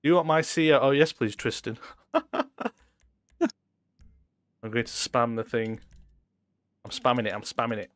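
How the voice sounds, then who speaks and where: A man's voice: medium pitch, normal speed, long pauses, fairly bright tone, dry recording. A young man playing along in a game stream, giggling, teasing and humming tunes. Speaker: co-player. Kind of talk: casual gameplay banter.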